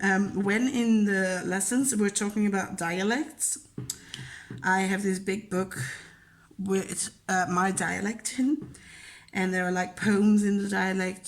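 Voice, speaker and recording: This young Belgian vlogger, who is also a teacher, speaks Dutch natively and has a Flemish accent and a middle-pitched voice. She works through a question tag in a casual, rambling way, full of fillers and frequent laughter.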